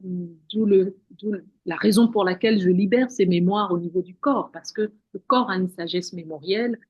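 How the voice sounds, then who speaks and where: An interview guest who works as a women's wellness practitioner speaks earnestly and spiritually, often repeating words and starting her sentences over. Her voice is mid-range and her pace moderate. The audio is muffled but has no echo.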